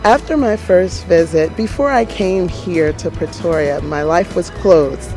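A woman from the United States giving an earnest, deliberate testimony in an interview outdoors. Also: fairly low pitch, music in the background. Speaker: church visitor giving testimony.

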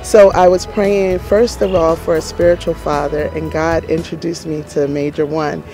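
Woman from the US, earnest testimony, dark tone, soft music behind. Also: low voice, level tone, normal speed. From United States. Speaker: church visitor giving testimony. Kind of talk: testimony interview.

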